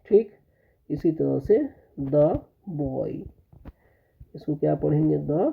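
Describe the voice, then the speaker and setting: A man teaching English grammar, drilling pronunciation by repeating example words slowly and checking understanding again and again. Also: fairly high pitch, gravelly, breathy edge, phone-quality sound. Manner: keeps checking understanding with repeated "theek hai" and "spasht ho gaya". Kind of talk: explaining a grammar lesson.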